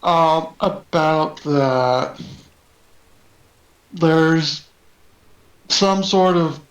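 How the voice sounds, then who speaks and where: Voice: medium pitch, extremely slow. A player in a tabletop game, speaking in character with earnest urgency. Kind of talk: tabletop role-play. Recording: echoey room.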